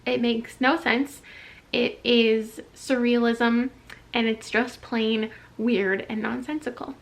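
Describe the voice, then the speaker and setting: A woman book vlogger chatting casually about words and books, wry and quick to laugh at herself. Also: on the high side, fairly even intonation. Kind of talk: casual vlog chat.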